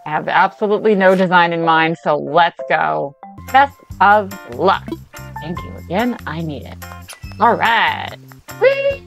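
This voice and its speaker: A woman's voice: on the low side, unhurried, creaky, fairly bright tone, faint music behind, rough recording. A middle-aged woman playing a video game for the first time, chatting playfully and talking to the game's characters. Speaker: gamer's mother playing a game. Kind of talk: casual play-along chat.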